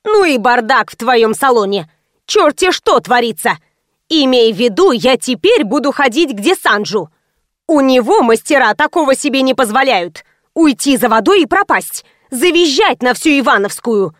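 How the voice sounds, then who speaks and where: A haughty, capricious client scolding shrilly, as a woman reads her. Her voice rides high and indignant, recorded dry and close. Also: sing-song, moderate pace, no room sound.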